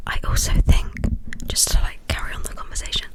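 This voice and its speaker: A young adult from the United Kingdom speaks in a hushed, breathy whisper, rambling informally and hesitantly in an ASMR style. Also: brisk. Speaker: ASMR video creator.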